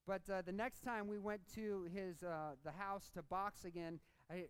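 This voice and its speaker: High-voiced impassioned male preacher. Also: steady tone, moderate pace, clean tone, rough recording. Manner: impassioned preaching that turns into casual storytelling; repeats phrases for emphasis, rising and dropping in force. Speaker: pastor. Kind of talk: sermon.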